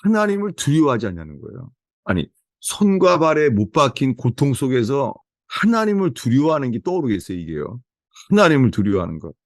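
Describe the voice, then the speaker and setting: A man's voice: medium pitch, big pitch swings, brisk, no room sound, studio quality. A man preaching a sermon as pastor to a small house-church gathering, emphatic and asking the listeners rhetorical questions.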